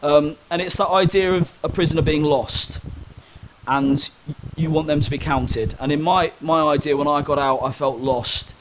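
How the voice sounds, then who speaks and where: A man's voice: on the high side, steady tone, moderate pace, background noise. A young man telling personal stories candidly in an interview, hesitant, with many ums and restarts. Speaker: guest. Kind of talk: conversational storytelling.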